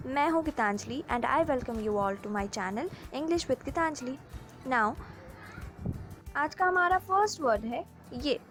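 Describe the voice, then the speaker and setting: A young woman teaching English pronunciation, quizzing the listener on each word and correcting it with repeat-after-me drills. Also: high voice. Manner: drills words, asks and corrects, mixes Hindi and English. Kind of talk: pronunciation lesson.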